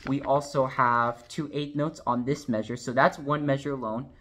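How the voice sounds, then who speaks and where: A man's voice: medium pitch, fairly even intonation, moderate pace, fairly bright tone. A man teaching drumline sheet music, explaining patiently and counting and singing the rhythms aloud. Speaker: drumline instructor.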